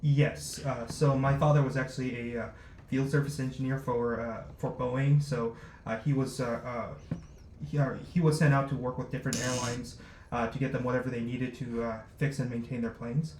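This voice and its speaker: Halting man in an echoey room. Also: medium pitch, level tone, a little mellow. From born in Luxembourg, raised abroad. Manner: halting, many fillers and restarts. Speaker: startup founder, guest. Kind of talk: interview answers. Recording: roomy echo, faint noise.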